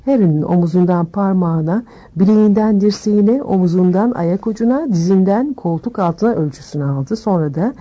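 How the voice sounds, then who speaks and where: A woman narrating a storybook aloud in a steady, measured reading voice. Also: mid-range voice, lo-fi sound. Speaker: audiobook narrator.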